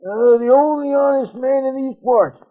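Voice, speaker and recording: A very high, rough-edged old prospector grumbles in folksy American frontier talk. He is a cranky western old-timer. The sound is muffled and vintage. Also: normal speed. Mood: grumbling. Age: older. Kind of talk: old-time western radio or screen acting.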